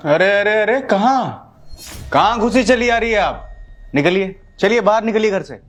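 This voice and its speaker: A man's voice: a little high, measured pace. A man playing a harsh, domineering husband who orders people about and talks with scorn, in a family drama skit. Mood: angry. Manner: shouting, rude, commanding.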